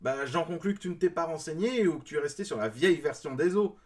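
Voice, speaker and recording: Male creator, bright high voice, explanatory and dryly sarcastic rebuttal commentary. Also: animated, quick pace. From France. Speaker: video creator responding to a clip.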